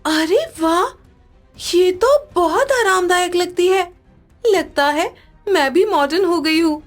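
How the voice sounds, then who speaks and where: Woman doing a high timid young bride. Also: expressive, takes it slowly, darkish tone, faint music behind, heavily acted. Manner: meek, stammering. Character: timid young daughter-in-law.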